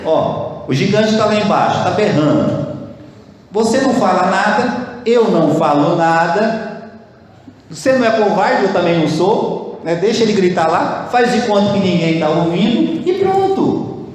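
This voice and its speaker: A man's voice: high voice, big pitch swings, unhurried. A Brazilian man preaching a sermon as pastor, talking to the congregation in a conversational way and asking rhetorical questions. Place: church hall. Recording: echoey church hall with long reverb.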